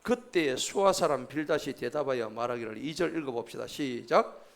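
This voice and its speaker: A man's voice: mid-range voice, moderate pace, vocal fry. A man, preaching a sermon at a church service in a folksy, joking way and quizzing the congregation. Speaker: pastor.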